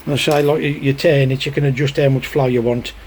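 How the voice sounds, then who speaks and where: A man's voice: mid-range voice, steady tone, fast. Exasperated man vlogging by his pond. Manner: rambling, exasperated, chatty with swearing. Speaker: hobbyist koi keeper. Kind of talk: casual vlog narration. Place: outdoors by a garden pond in heavy rain. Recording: faint rain noise behind. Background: rain and outdoor ambience.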